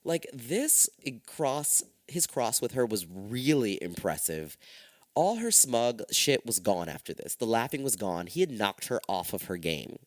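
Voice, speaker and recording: A man hosting a podcast, retelling a true-crime case in a casual, profane, animated way on a close mic. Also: mid-range voice, a little slow, no room sound. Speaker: podcast host.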